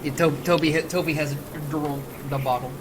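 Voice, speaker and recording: A man's voice: fairly high pitch, steady tone, brisk, slight background noise. A man narrating as game master of a tabletop game, hesitant and heavy with fillers.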